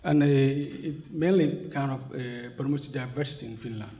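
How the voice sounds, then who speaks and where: Here a Somali man in his forties, interviewed as an organization's representative, speaks English hesitantly, with lots of fillers and restarts. His mid-range voice has a dark tone and a moderate pace. It's an indoor conference venue, and the room echoes.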